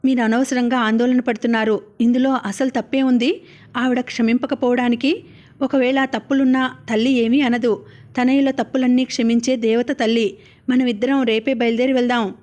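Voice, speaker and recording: A woman reading the lines of a calm young wife who gently reassures her husband. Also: a little high, moderate pace, natural voice. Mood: reassuring.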